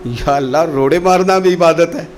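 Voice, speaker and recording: A man delivering an emotional sermon, dramatically telling stories and acting out the speakers in them, with slow, drawn-out chanted recitation. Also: on the high side. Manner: dramatic storytelling, acts out quoted voices with sudden rises and drops. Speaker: preacher.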